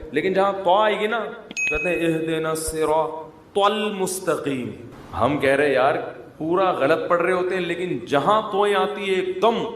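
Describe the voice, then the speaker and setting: A man giving a conversational religious talk as an Islamic scholar, mixing humor with teaching and mimicking drawn-out calls to prayer. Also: on the high side, a bit bright, a little hiss or hum. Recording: echoey hall, faint ambience.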